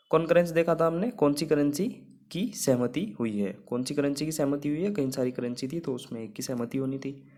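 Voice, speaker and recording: A man's voice: mid-range voice, a little mellow. A young man teaching English vocabulary in Hindi. He explains each word patiently and builds a memory trick around it.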